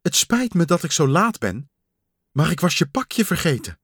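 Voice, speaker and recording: Easygoing storybook frog, high and bright, dry close sound, voiced by a male reader. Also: very animated, normal speed, breathy edge, dry recording, heavily acted. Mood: cheerful. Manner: light, unbothered, higher voice.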